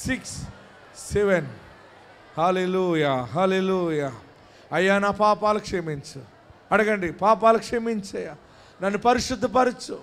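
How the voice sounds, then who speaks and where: A male pastor leading a fervent prayer sermon, swinging from hushed, murmured prayers to loud, shouted declarations. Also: sits high.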